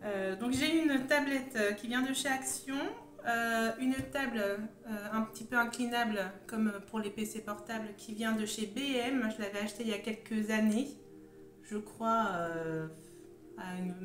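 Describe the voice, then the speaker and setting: Her voice runs a little high at a moderate pace as this woman in her thirties from Champagne, France, hosts a homemade hobby vlog, her first, despite a sore throat. She talks a lot, casually and hesitantly, drifting between topics in a stone-walled room at home. A phone at arm's length or a little beyond records it, leaving an echoing, roomy sound with faint music.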